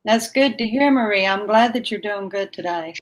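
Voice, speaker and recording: A woman's voice: mid-range voice, moderate pace. A woman chatting casually on a livestream in a folksy, friendly way, her R and W sounds running together. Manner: folksy, friendly, responding to viewers by name. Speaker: livestream host chatting with viewers.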